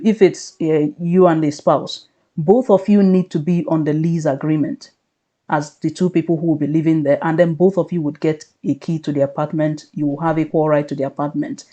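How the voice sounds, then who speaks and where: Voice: mid-range voice, mellow, lo-fi sound. An adult speaker giving casual, reassuring advice, explaining things step by step in a conversational way. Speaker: vlogger advising on living and studying in the UK.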